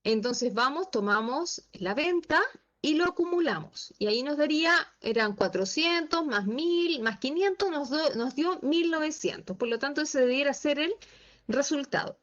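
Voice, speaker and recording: Female instructor, high voice, patient step-by-step teaching, slightly muffled call audio. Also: lively intonation, moderate pace. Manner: patient, asks the class checking questions. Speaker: Excel instructor. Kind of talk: online class teaching. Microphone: video call.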